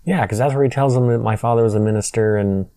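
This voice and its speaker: Wry, laughing man with a dark voice. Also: medium pitch, quick pace, dry recording. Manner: wry, laughs often while recapping scenes. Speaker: podcast co-host. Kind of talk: casual movie review chat.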